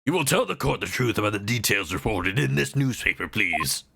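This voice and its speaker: A man voicing a stern older courtroom judge in a video game, speaking formally and with authority in a gravelly voice over game music. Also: on the low side, sing-song, brisk, pushed and bright, no room sound, clean studio sound, pitched below the performer's own voice, heavily acted. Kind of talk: dramatic reading of video game dialogue.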